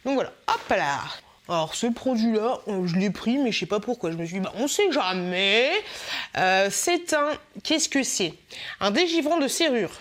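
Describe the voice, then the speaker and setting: A woman's voice: medium pitch, lively intonation, moderate pace. A woman showing her shopping haul to camera, in a chatty, playful way, with frequent hesitant fillers and self-mocking asides. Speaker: haul vlogger. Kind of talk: casual product haul chat.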